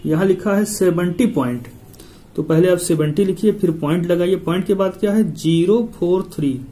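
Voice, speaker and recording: A male maths tutor walks through a lesson step by step, counting digits aloud and patiently repeating himself as he guides the viewer. His voice is somewhat high for a man but mellow and soft-edged, at a normal pace. The recording is rough.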